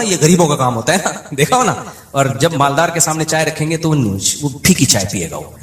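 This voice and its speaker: Animated male preacher in an echoey room. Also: mid-range voice. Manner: storytelling, animated, jokey asides. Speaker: Islamic preacher. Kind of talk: humorous religious talk.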